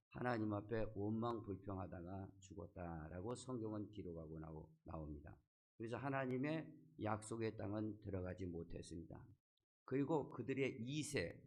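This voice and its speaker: A man's voice: lowish voice, darkish tone. A man, senior pastor of a church, preaching a sermon and retelling a scripture story, dotting his sentences with short affirming fillers.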